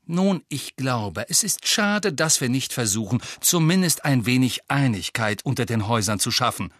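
A man reading an audiobook, voicing a clever, bossy teenage schoolgirl witch with a brisk, lecturing manner. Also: mid-range voice, lively intonation, fairly bright tone, no room sound, clean studio sound. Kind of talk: audiobook character voice.

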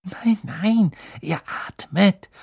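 A man's voice: high voice, very slow, vocal fry, husky, pitched above the performer's own voice, full character voice. A man voicing a clever, bossy teenage schoolgirl, raised and cutting in tone. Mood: hesitant. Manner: sharp, cutting, raised and lively.

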